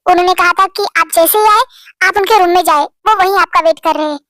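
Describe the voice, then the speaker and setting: A woman's voice: very high voice, fast talker, a bit bright, no echo, studio quality. A woman voicing a kind, motherly middle-aged auntie. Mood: friendly.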